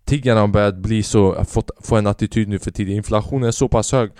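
A man's voice: fairly low pitch, fairly even intonation, darkish tone, no echo, studio quality. Lågmäld svensk man med svordomar. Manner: profane, rambling, acts out quoted people. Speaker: podcast host. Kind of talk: casual comedic storytelling monologue.

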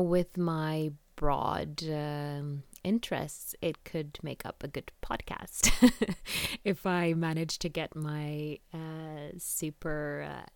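A woman's voice: low voice, a little mellow, no echo. A woman with a Norwegian accent, a native Norwegian speaker, hosting her own podcast in casual, rambling chat with many fillers and light laughs. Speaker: podcast host.

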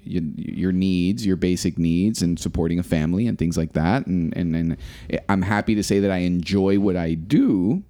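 A man's voice: sits low, normal speed, dark tone. A middle-aged man co-hosting a casual podcast, talking earnestly and motivationally and repeating phrases for emphasis. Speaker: podcast co-host.

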